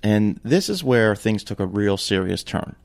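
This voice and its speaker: Man, casual storyteller, animated, swears freely, lively pitch. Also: measured pace, vocal fry.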